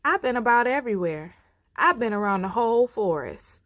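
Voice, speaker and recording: A woman playing a calm, worldly old male bear in a storybook, with a measured, folksy manner. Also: a little high, no room sound, clean studio sound. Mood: knowing.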